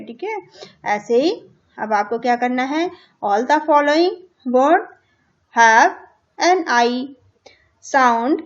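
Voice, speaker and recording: Indian lady teacher, higher voice, spelling out words real slow for little kids, muffled lo-fi sound. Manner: spells words letter by letter, says "theek hai" after each point; drawls English phrases very slowly. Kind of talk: school lesson for young children. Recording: muffled lo-fi recording.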